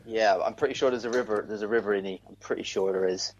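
Male quiz contestant, fast and creaky, tentative casual delivery, dull lo-fi recording. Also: fairly low pitch, fairly even intonation, a little hiss or hum. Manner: tentative, thinking aloud.

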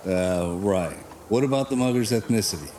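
An actor playing a blunt, skeptical police detective questioning a witness in an audio drama, with a brusque manner. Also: male voice, fairly low pitch, moderate pace, mellow, a little hiss or hum, close to an everyday voice.

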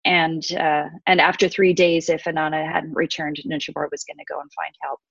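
A woman retelling an old myth in conversation, thoughtful, with many pauses and fillers. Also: low-pitched, little pitch movement, vocal fry, a bit bright, no room sound, highs cut off. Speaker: interview guest, storyteller.

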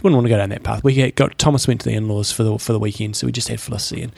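A man's voice: on the low side, steady tone, rapid-fire, creaky, darkish tone, dry recording. A man with a New Zealand accent chatting casually as a talk show co-host, dry, wry and colloquial. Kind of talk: casual banter.

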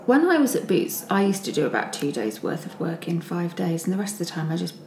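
A woman's voice: on the low side, big pitch swings, quick pace, gravelly, a little mellow. A woman, co-hosting a podcast in casual chat, telling rambling anecdotes with frequent laughs. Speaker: podcast co-host. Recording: roomy echo.

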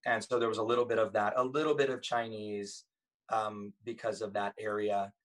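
A man's voice: fairly low pitch, flat delivery, a little fast, low-quality recording. A man in his forties whose first language is Thai, a guest talking casually in an interview, rambling with lots of ums and restarts. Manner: rambling with frequent ums and self-corrections.

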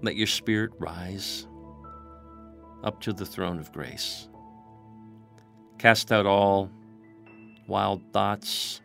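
Slow-paced male prayer guide, low pitch, hushed and reverent, with a light music bed. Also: gravelly. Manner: slow, soft, reverent delivery.

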